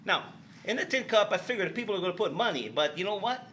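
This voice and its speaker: Brief: male comic as a rambling Italian immigrant bandleader, thick put-on accent, bright and sharp tone. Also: high-pitched, animated, fast, slight background noise. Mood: rambling story. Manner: broken English, rambling comic storytelling. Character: Italian immigrant accordion bandleader, chatty, cheerful. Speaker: band leader.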